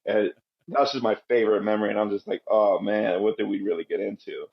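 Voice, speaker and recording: His voice is gravelly and on the low side, with fairly even intonation and a brisk pace, though the audio is dull. He's a man in his thirties from Guatemala, raised in Southern California, a Marine veteran telling laid-back, wandering stories as a podcast guest in a casual interview.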